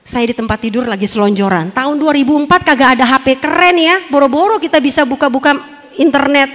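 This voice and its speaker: High-voiced woman, animated testimony to the congregation, in a reverberant hall. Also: quick pace. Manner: lively, animated storytelling, addressing the audience directly. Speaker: testimony speaker.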